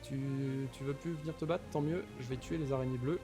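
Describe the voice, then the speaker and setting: A man's voice: mid-range voice, steady tone, fairly quick, music in the background. A man giving casual commentary on his Minecraft playthrough, talking to the mobs and to viewers, repeating nervous exclamations in tense moments. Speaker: gaming YouTuber.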